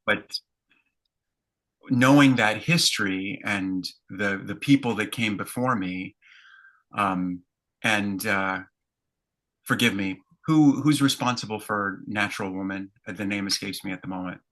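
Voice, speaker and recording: Man, 50s, interview guest; low-pitched, forceful bright tone, reflective storyteller with fillers. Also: a little slow. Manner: reflective, detailed, with many fillers. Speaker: interview guest, stage performer. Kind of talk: conversational storytelling.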